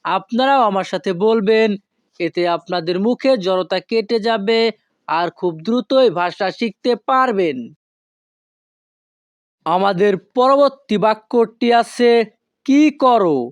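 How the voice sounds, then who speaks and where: A woman giving a scripted language lesson, speaking slowly and carefully and repeating each phrase several times. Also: mid-range voice, no echo, muffled recording. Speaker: language teacher.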